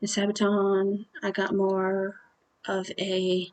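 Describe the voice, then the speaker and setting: A woman's voice: medium pitch, completely flat delivery, slow pace, darkish tone, poor audio. A woman hosting a music reaction video, talking through her thoughts in an earnest, apologetic way. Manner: earnest and apologetic, thinking aloud. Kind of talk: casual music reaction commentary.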